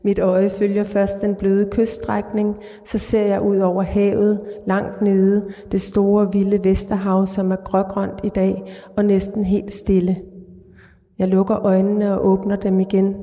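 A middle-aged woman author reads from her prose in a measured, flat, mellow voice. She speaks in a large church, and the long reverb of the hall trails each phrase. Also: medium pitch. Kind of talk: literary reading and interview answers.

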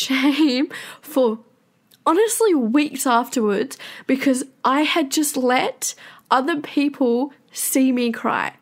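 In a personal confessional monologue, a young woman with a fairly high voice talks candidly, swearing often and speaking in quick bursts.

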